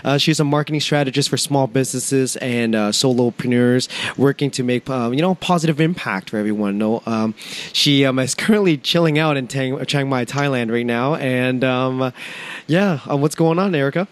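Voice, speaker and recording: A man's voice: mid-range voice, moderate pace. A man hosting a podcast, asking questions casually and hesitantly, with lots of fillers. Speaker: podcast host. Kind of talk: casual interview.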